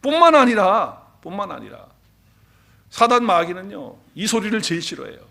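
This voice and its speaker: A man preaching a Sunday sermon as pastor, asking the congregation questions and moving between loud declarations and soft, near-whispered asides. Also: high-pitched, big pitch swings, moderate pace, creaky. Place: church sanctuary.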